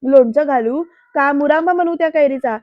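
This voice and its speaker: A woman's voice: sits high, normal speed, no echo, close to an everyday voice. A woman voicing a proud, angry young man who snaps curtly, on a dull, dry recording. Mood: irritated. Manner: snapping, curt.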